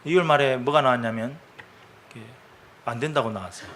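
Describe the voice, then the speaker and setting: Bright-voiced male pastor preaching. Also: mid-range voice, fairly quick, a little hiss or hum. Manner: storytelling, acting out quoted prayers and talks. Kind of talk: conversational sermon. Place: church service.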